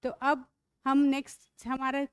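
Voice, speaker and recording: A woman teacher leads a children's phonics lesson, drawing out each letter sound with great patience. Her voice sits high, and the recording is dry and close. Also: completely flat delivery, no room sound. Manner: slow, drawn-out sounding of letters, mixing Hindi and English, calling pupils "beta".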